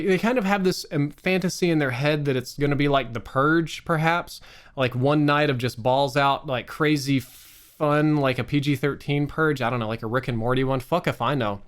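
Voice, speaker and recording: Exasperated, swearing American man ranting. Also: mid-range voice. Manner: profane, exasperated. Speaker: online streamer. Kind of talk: candid rant to viewers.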